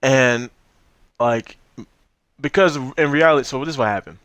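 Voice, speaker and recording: A man's voice: medium pitch, normal speed, a bit bright, clear, resonant tone, no echo. A young man co-hosting a casual chat, laughing often and talking loosely in slang. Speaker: podcast co-host.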